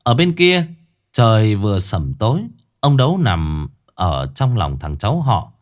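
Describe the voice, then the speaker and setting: A man narrating a dramatic horror story with an expressive, swooping delivery. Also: on the low side, measured pace.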